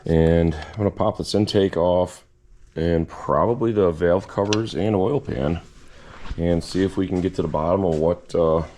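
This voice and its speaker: A man hosting a casual garage vlog, tired and losing his voice from a cough, talking slowly with halting restarts and fillers. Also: deep voice, warm tone, slight background noise. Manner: slow, halting, trailing off with many fillers. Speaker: home mechanic and channel host. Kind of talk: casual workshop vlog narration. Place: home garage.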